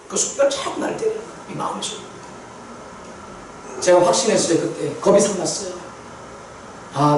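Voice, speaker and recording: A man preaching a sermon testimony, telling his story with animated repetition for emphasis. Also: sits high, a little hiss or hum. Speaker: pastor. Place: church sanctuary. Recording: echoey church hall from far off.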